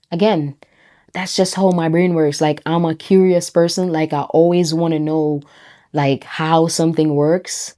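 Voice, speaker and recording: A young Jamaican-accented woman with a deep, warm voice talks reflectively to camera as a brand founder. Her casual delivery is peppered with "you know" and "right?".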